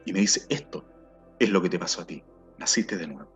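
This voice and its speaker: A middle-aged Chilean man telling his personal testimony in an earnest, halting way, often repeating words as he searches for them. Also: low voice, animated, slightly rough. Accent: Chilean Spanish. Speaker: testimony speaker. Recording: dull sound with faint music behind.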